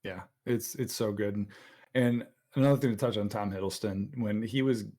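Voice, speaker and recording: A man co-hosting a podcast in casual chat, excitedly retelling scenes and jumping into quoted voices. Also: moderate pace. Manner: excited, acts out scenes in jumpy high voices. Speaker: podcast co-host.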